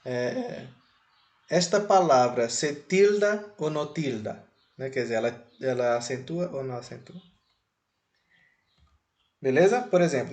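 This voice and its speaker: A Brazilian man teaching a slide lesson in a Brazilian Portuguese accent, speaking deliberately and repeating key words. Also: mid-range voice, a little mellow. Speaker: Spanish teacher.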